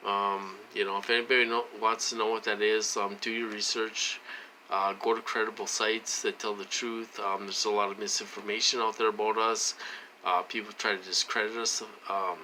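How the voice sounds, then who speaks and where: A man's voice: fairly low pitch, little pitch movement, moderate pace, sharp tone, slight background noise, poor audio. A man vlogging in a casual, rambling monologue while having a drink, repeating himself and asking "okay?" as he goes.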